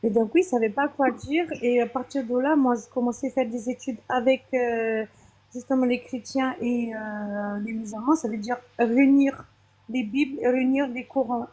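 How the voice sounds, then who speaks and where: A woman with a somewhat high-pitched voice gives a personal testimony. She speaks French as a second language with a foreign accent. Her delivery is unscripted and hesitant, as she searches for her words. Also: fairly even intonation, moderate pace, warm tone. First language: not French. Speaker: guest giving a personal testimony.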